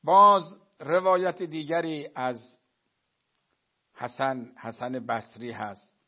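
Male religious lecturer, higher-pitched, storytelling delivery with measured Arabic recitation; lo-fi, dull recording. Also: steady tone. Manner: storytelling, addresses listeners as dear friends; recites Arabic quotations slowly.

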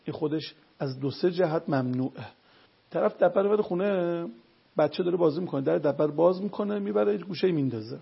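A man with a very raspy, gravelly voice gives household advice and keeps asking the listener questions. His pitch sits a little high. The recording sounds dull and lo-fi. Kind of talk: religious and practical advice talk.

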